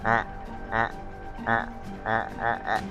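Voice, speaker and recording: A man playing a horror game and commenting as he goes, chatty and excitable, teasing the players he hunts. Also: slow pace, highs cut off, over music. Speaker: gamer. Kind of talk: let's-play commentary.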